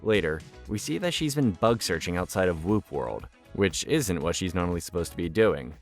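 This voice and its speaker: A man's voice: low voice, sing-song, moderate pace. A man delivering scripted narration as a recap storyteller, with the occasional wry aside. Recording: music bed behind voice.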